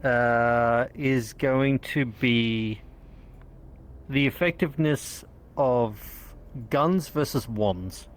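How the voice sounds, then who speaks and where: Guy laying out the scene for the players, slow and steady, plain instructions. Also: mid-range voice. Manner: instructive, matter-of-fact. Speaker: scene organizer. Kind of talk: directing a role-play scene.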